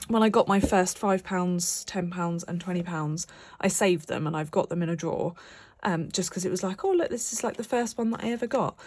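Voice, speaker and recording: Her voice sits at medium pitch with a darkish tone and no room sound. A young British woman with a cold-stuffed nose, she's a budgeting vlogger casually talking to camera about her budget as she cash-stuffs envelopes, rambling with lots of fillers and restarts.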